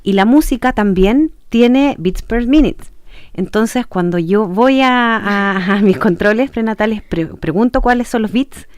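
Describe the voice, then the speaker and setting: A woman's voice: fairly high pitch, measured pace, darkish tone, no echo. A woman, co-host of a radio talk show, chatting casually and sharing a personal anecdote.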